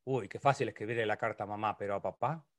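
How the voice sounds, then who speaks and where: A middle-aged man with a Uruguayan Spanish accent, a psychologist giving an online motivational talk with humor, playful, jumping from loud, high complaining voices down to soft, near-whispered lines. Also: fast talker.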